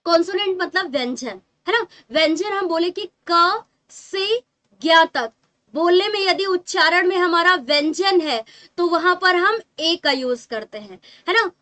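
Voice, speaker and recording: A woman's voice: extremely high pitch, lively intonation, unhurried, pushed and bright. A woman teacher giving a patient English grammar lesson to children, often checking with short tag questions and drawing out key words.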